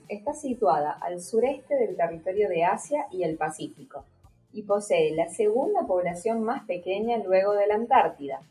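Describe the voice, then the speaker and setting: An Argentine woman co-hosts a casual radio show in a relaxed, dark-toned voice. She is conversational and playful, talking straight to her partner over soft background music. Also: medium pitch. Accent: Argentine, Córdoba. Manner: conversational, playful, addresses co-host directly. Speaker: radio co-host. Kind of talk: casual radio chat and presenting.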